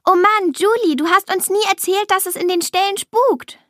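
A woman voicing an excited, startled young girl at a horse stable, in a breathless, high-pitched storybook reading. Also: normal speed, no room sound, studio quality.

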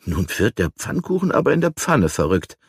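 A man's voice: on the low side, sing-song, normal speed, slightly rough, dry recording, clean studio sound, full character voice. An older man voicing a curious, wondering old aunt in a storybook reading, in a raised, bemused voice. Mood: musing.

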